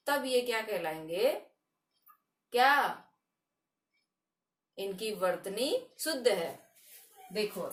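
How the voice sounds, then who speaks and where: A woman teaching a grammar lesson, drilling each word slowly and answering her own questions on her words. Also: on the high side, a bit bright. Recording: echoey room, voice from a distance.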